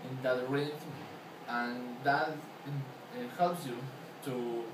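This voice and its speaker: A man's voice: medium pitch, fairly even intonation, noisy background. Young Ecuadorian man, distant echoey mic. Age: young adult. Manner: halting, many fillers and restarts. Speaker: student interviewee. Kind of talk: casual interview answers.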